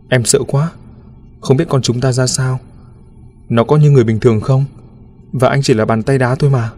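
A man's voice: mid-range voice, a little mellow, close to an everyday voice. A man voicing a lonely middle-aged village woman who sounds timid and pleading, in a spoken ghost story.

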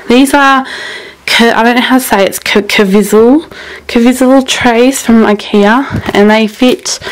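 A young woman with a creaky voice, chatting casually and rambling through a craft room tour, laughing often. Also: medium pitch, low-quality recording. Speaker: craft vlogger.

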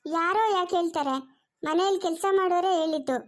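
Fearless cartoon heroine, indignant and commanding, voiced by a woman, very high voice. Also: fast talker. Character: bold young woman heroine, fearless, scolding. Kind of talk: cartoon voice acting.

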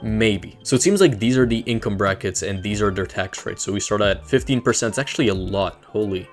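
A man's voice: lowish voice, fairly quick, soft background music. A young man from Canada casually explaining game coding, joking in slangy chatter full of fillers. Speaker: Roblox tutorial creator. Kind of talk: casual coding tutorial with jokes.

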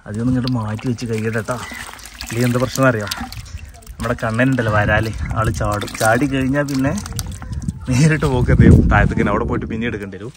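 A man's voice: mid-range voice, steady tone, quick pace, heavy background noise. A man in his thirties with a Kerala accent, chatting casually to viewers outdoors as a fishing vlogger, explaining as he goes and often checking in with the viewer. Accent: Malayalam, Kerala. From Kerala, India. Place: outdoors in paddy fields and a yard. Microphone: phone camera held by the speaker.

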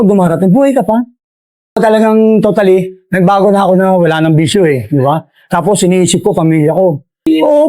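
A man's voice: high-pitched, mellow. An older man recounting his years in prison in a casual, storytelling way, often tagging his sentences with little questions. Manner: storytelling with frequent tag questions. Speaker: interviewee, former inmate.

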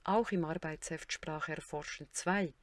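Slow, deliberate woman narrating a lesson. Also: deep voice, dry recording. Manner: deliberate, clearly spelled-out syllables and sounds. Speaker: narrator of a teaching tutorial. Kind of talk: scripted instructional narration.

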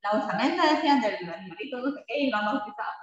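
A man's voice: very high voice, lively intonation, rapid-fire, a bit bright. A man teaching a spelling lesson to a class, patient and checking in with frequent tag questions. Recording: echoey classroom, far from the mic, dull.

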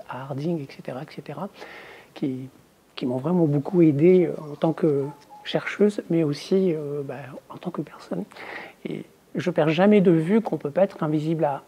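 Husky, mellow-voiced middle-aged woman. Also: deep voice. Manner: thoughtful, measured, trailing off quietly at phrase ends. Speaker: academic researcher interviewed. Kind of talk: reflective interview answers. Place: indoors, filmed for a museum exhibition.

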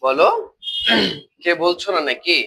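Teaching logic online while suffering from a cold, a man with a Bangladeshi Bengali accent speaks at a measured pace with fairly even intonation. His voice is a little high, pushed and bright, the recording is rough, and he patiently repeats points and quizzes his students along the way.

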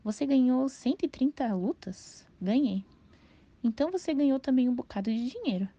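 A woman voicing a cheerful, friendly young male rooster in a storybook reading, her voice raised high and eager. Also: animated, normal speed, warm tone. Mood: puzzled. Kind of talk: audiobook character voice. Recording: dull, dry lo-fi recording.

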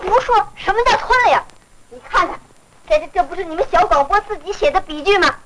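An actress playing a haughty woman who answers with scornful, sharp retorts, in 1940s film acting. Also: extremely high pitch, animated, fast talker, low-quality recording. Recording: very hissy old film soundtrack.

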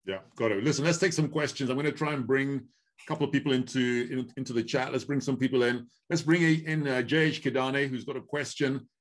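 A Ghanaian man in his fifties hosts a video call interview from a home room with wooden beams, picked up by his webcam. He is friendly, chatty and upbeat, often repeating phrases. His voice is mid-range, steady in tone and brisk.

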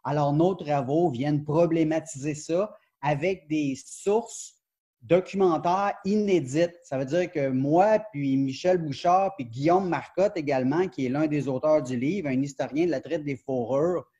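A man's voice: on the high side, a little slow, dark tone, slightly rough, dull audio. A man in his forties with a Quebec French accent, a professor explaining his research in a video-call interview, talking animatedly with many fillers and restarts. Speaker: professor and book author, guest. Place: glass-walled sunroom indoors. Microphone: video call webcam.

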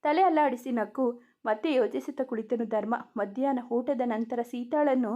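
A woman narrating a romance story in an even, steady reading voice. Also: fairly high pitch, normal speed. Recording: dull lo-fi recording.

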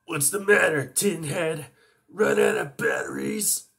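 A furious male monster villain from a kids' action show, roaring in a strained high scream. The voice is bright and gravelly, hurled out at full force. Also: huge pitch swings, a little slow, full character voice. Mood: furious taunting. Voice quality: bellowing, screaming.

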